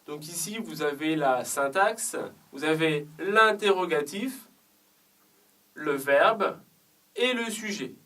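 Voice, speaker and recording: Very slow, deliberate French teacher, distant mic. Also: medium pitch, animated, fairly bright tone. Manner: slow, careful, drawn-out explanation with spoken example sentences. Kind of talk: recorded grammar lesson.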